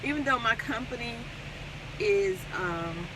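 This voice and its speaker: A woman's voice: a little high, expressive, measured pace. A woman vlogging in a car, telling casual, colloquial stories and chatting while she eats. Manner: colloquial, emphatic with repetition. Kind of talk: casual storytelling mukbang chat. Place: inside a car. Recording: loud vehicle and air-conditioning noise.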